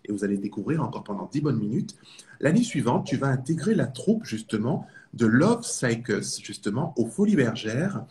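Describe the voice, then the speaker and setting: A man's voice: mid-range voice, very animated, moderate pace, darkish tone. A man from France hosting an interview, framing questions with enthusiastic praise for his guest. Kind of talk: interview host.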